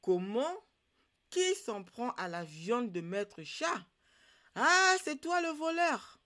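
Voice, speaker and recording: A tiny magic fetish spirit guarding its master's pot, loyal and fierce, snapping out accusations. A woman storyteller plays it with a slow delivery and a lowish pitch. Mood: accusing. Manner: sharp, accusing.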